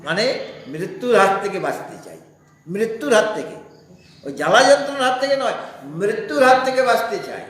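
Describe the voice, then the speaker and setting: A man teaching a scripture class in a spiritual society hall, explaining slowly and putting rhetorical questions to his listeners. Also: high-pitched, very animated, a bit bright. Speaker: Vedanta teacher. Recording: heavy echo in a hall.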